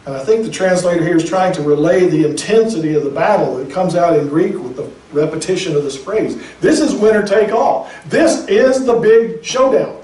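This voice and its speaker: Higher-voiced man preaching in an echoey church. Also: mellow, recorded from a distance. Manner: emphatic, conversational preaching with speculative asides. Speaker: pastor. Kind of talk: sermon.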